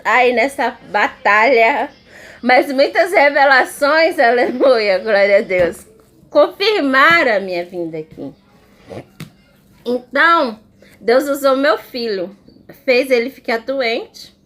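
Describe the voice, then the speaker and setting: A woman's voice: sits high, fairly bright tone. A woman giving an emotional religious testimony as a missionary, in a fervent, repetitive storytelling manner.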